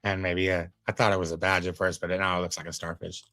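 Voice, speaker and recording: A man's voice: low voice, flat delivery, fast, bright, forceful tone. A man giving casual commentary on a clip as a reaction streamer, chatty and laid-back with preachy asides.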